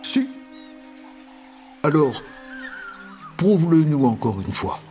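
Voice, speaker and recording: A big soft-hearted bear, as a male storyteller puts him on, speaking slowly with a mellow, dark tone. He coaxes gently, a little lower than the narrator's own voice, in a storybook manner. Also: sing-song, faint music behind. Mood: tender. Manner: slow, gentle coaxing. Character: big fond old male bear, tender.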